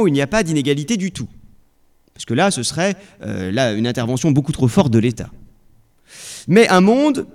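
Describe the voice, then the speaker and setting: A man lecturing to a class, his pitch swinging widely as he talks. He keeps asking the room rhetorical questions and often breaks off to restart a phrase. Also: darkish tone. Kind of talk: spoken lecture on political philosophy.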